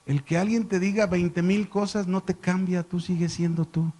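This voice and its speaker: Guy teaching bible class, kinda high voice, keeps asking the room questions, jokes around. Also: moderate pace. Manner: chatty, quizzes the class with rhetorical questions; animated storyteller, jokes with listeners. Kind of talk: conversational Bible lesson to a class. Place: church classroom with a live audience.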